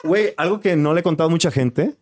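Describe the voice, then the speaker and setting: A man's voice: fairly high pitch, fast. A young Costa Rican man with a Costa Rican Spanish accent and picked-up Mexican slang, chatting as a podcast guest and acting out quotes as he tells stories. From Costa Rica. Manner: animated storyteller, acts out quotes in other voices. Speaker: guest comedian. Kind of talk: casual podcast chat.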